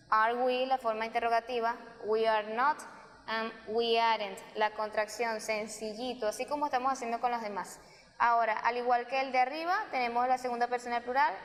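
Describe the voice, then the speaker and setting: A woman from Venezuela, a Spanish-speaking English teacher, explaining grammar step by step in a recorded lesson and repeating key forms slowly. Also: fairly high pitch, fairly bright tone. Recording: long reverb, roomy sound.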